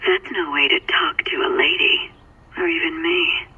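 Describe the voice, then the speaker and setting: A woman's voice: sits low, expressive, normal speed, bright, forceful tone, slightly rough, exaggerated voice. An actress playing a flirtatious, cocky female cat burglar in a video game, with a coy teasing purr through a telephone filter. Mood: sly, flirtatious. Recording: tinny filtered phone line.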